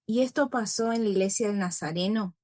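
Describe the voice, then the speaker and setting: A woman's voice: medium pitch, fairly quick, a little mellow, no room sound, clean studio sound. A woman hosting an interview, asking friendly questions and reacting with affirming remarks. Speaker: interview host.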